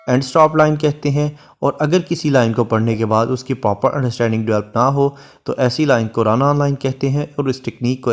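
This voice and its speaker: A man, giving a literature lecture, reading English verse lines slowly and then explaining each one. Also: medium pitch, darkish tone.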